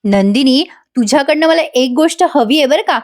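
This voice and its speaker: A woman's voice: high-pitched, animated, moderate pace, darkish tone. A woman reading the lines of a playful, theatrical young husband who speaks like an old film hero. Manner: theatrical, teasing, filmi.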